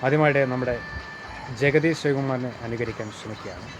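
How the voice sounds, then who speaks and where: A man's voice: medium pitch, fast, rough recording. A man introducing his own mimicry video in a friendly, casual way and asking viewers for likes.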